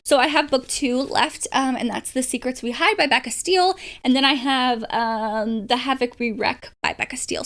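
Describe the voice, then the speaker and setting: With a slightly high, somewhat bright voice, a woman gushes casually about books in the manner of a book vlogger. She also hosts readalongs.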